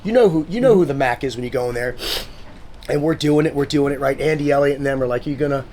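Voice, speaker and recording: A man telling stories in a casual sit-down conversation, animated and profane, acting out what others said. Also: medium pitch, fast, a little hiss or hum. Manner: swearing, animated storyteller who acts out quotes. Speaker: guest, motivational speaker.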